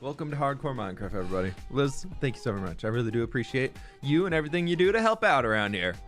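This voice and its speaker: A man's voice: medium pitch, sing-song, rapid-fire, a bit bright, faint music behind. Chatty young man streaming casually. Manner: upbeat, chatty, greets viewers by name. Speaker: live streamer. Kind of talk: casual live-stream chat while gaming. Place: room at home.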